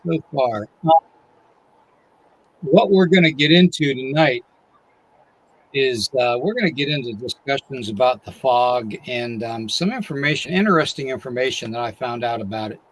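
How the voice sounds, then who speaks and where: This live-stream podcast host has a medium-pitched, breathy-edged voice with lively intonation, speaking at normal speed over a rough recording. He says he's losing his voice, reads a long disclaimer, and then greets chat viewers by name one at a time.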